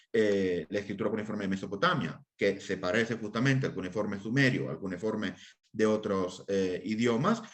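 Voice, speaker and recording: A man who is an assyriologist, explaining a lesson during an interview and checking in with his listeners often. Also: fairly low pitch. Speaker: assyriologist lecturer.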